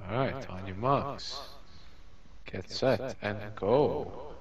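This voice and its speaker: A man role-playing a joust referee in a game, giving deliberate, commanding calls to riders. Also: lowish voice. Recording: muffled game voice chat.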